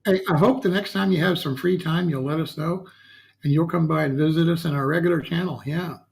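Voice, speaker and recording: A man's voice: on the high side, fairly even intonation, fast talker, vocal fry, a little mellow, low-quality recording. A man hosting a casual online interview, folksy and chatty, often tagging his sentences with "okay?" and "yeah". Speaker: talk show host.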